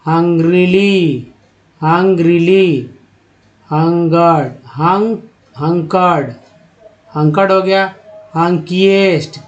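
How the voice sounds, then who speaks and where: High-voiced man drilling English spellings. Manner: slow, drawn-out word-by-word pronunciation drills. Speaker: English teacher. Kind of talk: spelling and pronunciation lesson. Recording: dull lo-fi audio.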